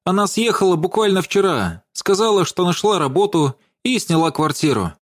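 A man voicing a quick-tongued, bustling young woman who chatters rapidly. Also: sits high, very animated, voice pushed up. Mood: defiant.

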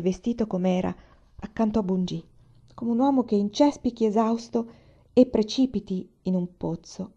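Mellow-voiced woman reading a novel aloud. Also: medium pitch, gravelly. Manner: measured, expressive reading with slow pauses. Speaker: audiobook reader. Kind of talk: literary audiobook narration. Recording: dull lo-fi sound.

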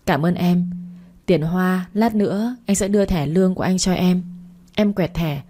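Kind, teasing young chairman read by a woman, low and mellow, storybook delivery. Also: normal speed, lightly acted. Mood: warm.

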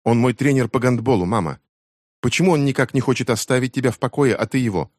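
A man voicing an angry, grieving teenage girl who hurls quick, shrill accusations at her mother. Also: a little mellow, dry recording, studio quality, lightly acted. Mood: accusing. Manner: shrill, fast accusing outbursts.

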